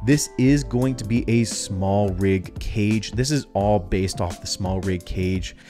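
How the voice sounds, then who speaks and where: A young man hosting a filmmaking channel chats casually through his camera gear in a review vlog, his voice stuffed-up and nasal from congestion. His fairly low, slightly mellow voice is captured on a boom-arm studio mic in a dim home studio.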